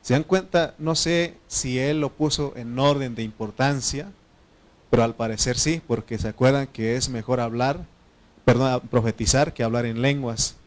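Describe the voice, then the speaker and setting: A man's voice: mid-range voice, moderate pace. A man from Oaxaca, Mexico, preaching a sermon in a Mexican Spanish accent, speaking Spanish as a second language, talking conversationally with frequent fillers and self-corrections and putting questions to the congregation. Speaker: pastor.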